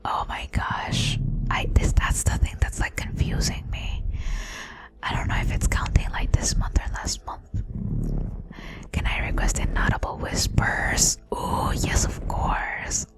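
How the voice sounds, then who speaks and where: A young woman whispering through a casual ASMR livestream chat, slangy and repeating words softly. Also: unhurried, rough recording. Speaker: ASMR streamer.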